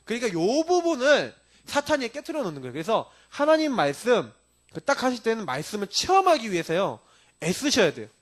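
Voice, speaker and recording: A man preaching a sermon as pastor, emphatic and lively, mixing in personal testimony. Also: extremely high pitch, brisk.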